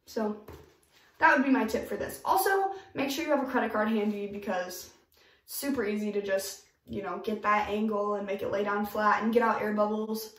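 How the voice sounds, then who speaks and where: A woman's voice: medium pitch, steady tone, fairly quick, fairly bright tone, reverberant, recorded from a distance. A young woman giving casual, emphatic DIY tips in a home bathroom, recorded by a camera in front of her. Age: young adult. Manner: chatty, emphatic, upbeat. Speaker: DIY vlogger.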